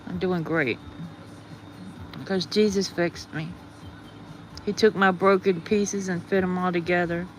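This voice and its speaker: A woman's voice: on the low side, fairly even intonation, a little slow, slight background noise. A woman hosting a livestream with a groggy morning voice, rambling casually and greeting her viewers. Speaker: livestream host.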